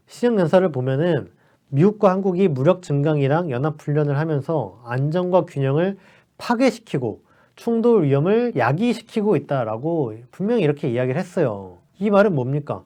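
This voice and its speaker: A man's voice: fairly high pitch, warm tone. A man giving persuasive explanatory commentary, asking rhetorical questions as he talks. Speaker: political commentator.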